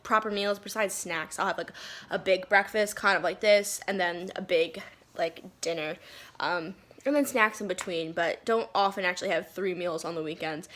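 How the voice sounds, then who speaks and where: A young woman talking casually and informally to her vlog viewers, often softening things with filler words like "like" and "kind of". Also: medium pitch. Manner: chatty, informal, hedging with "like" and "kind of". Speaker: fitness vlogger. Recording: roomy echo, faint background noise.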